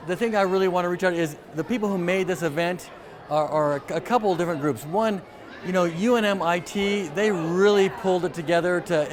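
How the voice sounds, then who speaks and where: A man who hosts an event, talking informally and repeating words as he goes. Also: high voice. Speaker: event organiser and host. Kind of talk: informal interview and event talk. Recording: clear background noise and hiss.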